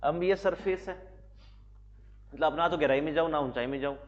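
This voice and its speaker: At normal speed and with a voice on the high side, a man teaches physics to his class in Haryanvi-accented Hindi. He repeatedly raises questions and resolves them himself, heard through slightly dull lo-fi audio.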